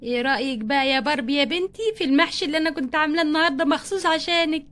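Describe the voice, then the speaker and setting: A woman with an Egyptian accent voicing a fond, calm mother who reassures her grown daughter in a doll play story. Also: high-pitched, very fast. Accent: Egyptian Arabic. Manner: reassuring, affectionate.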